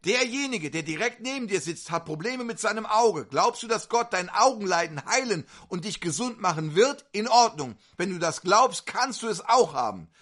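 A man's voice: sits high, animated, normal speed, few pauses, fairly bright tone. A man preaching at a faith-healing service, fervently questioning individual listeners one after another. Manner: fervent, insistent.

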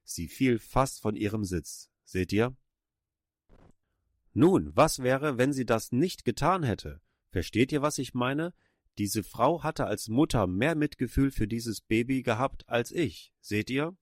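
A male preacher tells a story in an earnest, steady way, then presses his listeners with emphatic calls to act. His voice sits at a middle pitch. The recording is dry and close, with no room sound. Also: slow pace, dry recording. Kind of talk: sermon.

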